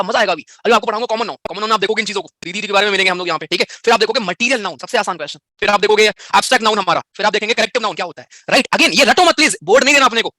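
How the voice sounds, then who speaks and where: A young man with an Indian accent teaches English grammar in a live online class, mixing Hindi with English terms. He talks quickly in a high, bright voice. The sound is close and dry, with no room around it. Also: no echo. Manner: chatty, explains in Hindi with English terms, answers students' chat questions.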